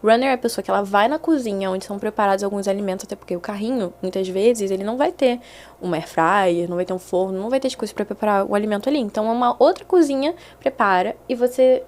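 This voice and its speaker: A woman's voice: mid-range voice, fast. A young adult woman, telling stories as a guest in a casual podcast chat and acting out the voices she quotes. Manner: animated, acts out quoted voices.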